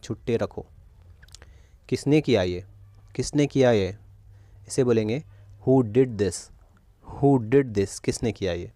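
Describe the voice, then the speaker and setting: Slow, deliberate male English tutor. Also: mid-range voice, dark tone, no echo. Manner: repeats each sentence, saying the English very slowly. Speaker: English teacher. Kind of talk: spoken English lesson.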